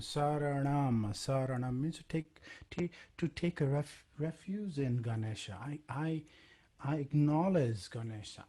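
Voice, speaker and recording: A man from Nepal, softly guiding listeners into a devotional chant, often trailing off to a near whisper. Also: fairly high pitch. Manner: soft-spoken, halting, drops to near whisper. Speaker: musician leading a chant. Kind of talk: guided devotional chant session. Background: faint percussion music.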